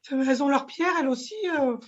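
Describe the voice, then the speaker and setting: A woman's voice: high voice, fast talker, highs cut off. A woman in her forties, a shop owner and guest, telling stories expressively and laughing often. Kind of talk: casual interview chat.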